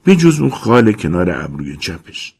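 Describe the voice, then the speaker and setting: A man voicing a shrewd, money-minded landlady in a high, brisk voice. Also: big pitch swings, vocal fry, a little mellow, breathy edge, exaggerated voice. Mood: smug.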